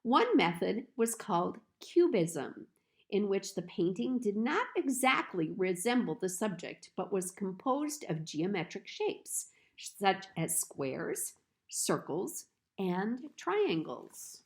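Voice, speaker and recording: A woman reads a children's picture book aloud, taking her time and setting down each phrase deliberately. Her mid-pitched voice rises and falls in a lively, expressive way as the story unfolds.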